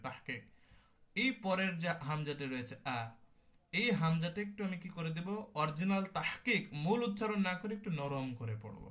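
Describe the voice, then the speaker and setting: A young man with a slightly high-pitched voice gives an online lesson on Quran recitation. He explains each rule step by step and asks questions only to answer them himself. He stretches out sample syllables and repeats them several times so learners can copy them. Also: a bit bright. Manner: explains slowly, drawing out and repeating sample sounds. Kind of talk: online tajweed class.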